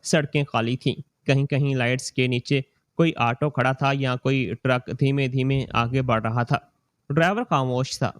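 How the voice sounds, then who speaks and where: A man reading a scripted moral story in the first person, slow and steady. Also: mid-range voice, dry recording, studio quality.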